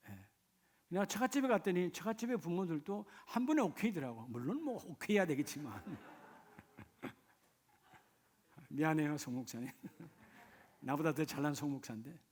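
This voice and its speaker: A middle-aged male pastor from the Gyeongsang region preaching a sermon in a church, moving between soft personal storytelling and loud, fervent exhortation. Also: fairly high pitch, expressive, moderate pace, pauses often. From Gyeongsang region, Korea. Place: church sanctuary.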